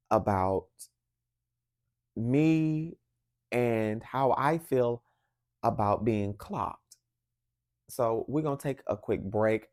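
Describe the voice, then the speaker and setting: A woman hosting a podcast, telling a workplace story in an animated, laughing, casual way. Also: very deep voice. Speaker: podcast host.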